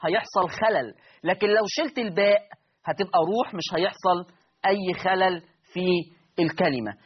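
A man's voice: high voice, moderate pace, slightly rough, lo-fi sound. A man with an Egyptian accent teaching Quran recitation rules, repeating key points and quizzing his listeners. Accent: Egyptian Arabic. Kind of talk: classroom-style recorded lesson.

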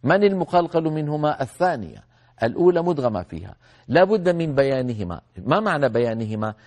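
Man teaching Quran recitation, slightly high voice. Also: sing-song, darkish tone. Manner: deliberate, stretches words slowly to demonstrate pronunciation; addresses listeners as brothers. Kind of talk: tajweed lesson with recited examples.

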